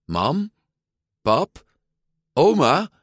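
A man's voice: a little high, huge pitch swings, extremely slow, breathy edge, no room sound, clean studio sound, voice pushed up, exaggerated voice. Een man die een verlegen, zachtaardige jongen voorleest in een verhalenboek. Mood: gentle. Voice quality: soft, wondering. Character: shy, gentle young boy.

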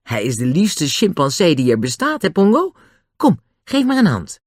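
A friendly young circus boy from a children's storybook, as a reader puts him on. His voice is pitched well up and calls out freely. The recording is close and dry. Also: huge pitch swings, normal speed, no echo. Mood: coaxing.

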